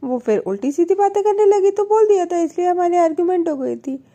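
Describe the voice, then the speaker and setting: High-voiced young woman telling a story. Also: lively intonation, brisk, mellow. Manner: chatty, mixes in English words. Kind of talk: casual spoken storytelling.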